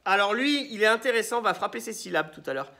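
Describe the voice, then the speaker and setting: A man teaching young children, asking questions and spelling words out slowly syllable by syllable. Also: high voice, animated, creaky, sharp tone, far from the mic. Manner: questioning, prompting pupils to answer. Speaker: primary school teacher. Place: classroom. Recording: roomy echo, voice from the mic.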